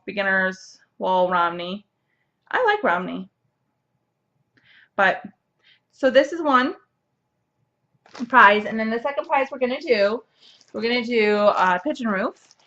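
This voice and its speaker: A young woman hosts a casual knitting podcast from home, seated at a computer, chatty and bubbly with lots of fillers and restarts. Her mid-range voice is a bit bright, though the recording cuts off the highs.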